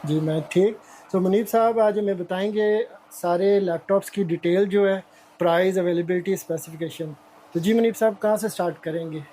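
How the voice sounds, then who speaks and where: A man's voice: high voice, fairly even intonation, moderate pace, mellow, rough recording. A man with a Pakistani accent presenting and interviewing for a YouTube shop-visit video.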